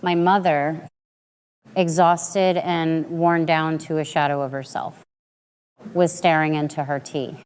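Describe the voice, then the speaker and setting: Low, smooth-voiced woman narrating a story. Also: flat delivery, darkish tone. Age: late 20s. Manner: measured, dramatic storytelling delivery. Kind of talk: scripted first-person story narration.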